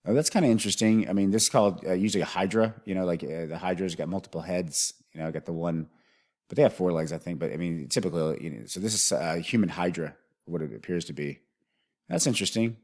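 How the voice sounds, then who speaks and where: A man's voice: deep voice, fast talker, a little mellow. A man hosting a music video reaction, thinking aloud in a rambling way and often restarting his sentences.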